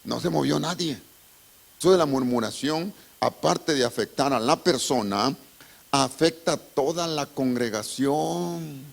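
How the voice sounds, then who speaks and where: A man's voice: medium pitch, a little slow, gravelly. A male pastor, preaching a dramatic storytelling sermon and calling his listeners brother.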